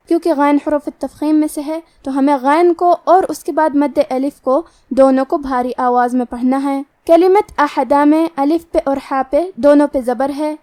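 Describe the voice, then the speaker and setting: High-voiced woman teaching Quran recitation. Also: a little mellow. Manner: slow, careful, explanatory. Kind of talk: tajweed lesson with recitation.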